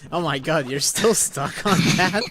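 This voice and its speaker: A man narrates his gameplay for a live stream in an unhurried, drawn-out way, his voice sitting a touch high. Faint game music plays underneath him. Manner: slow, laid-back narration of gameplay. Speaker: let's play streamer.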